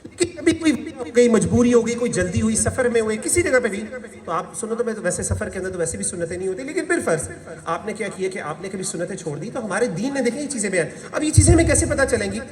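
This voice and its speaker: A man's voice: sits high, quick pace. A man from Pakistan giving a motivational religious talk as guest speaker, telling stories with asides and jokes. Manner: animated storytelling with asides and jokes. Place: university hall. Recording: distant mic in reverberant hall.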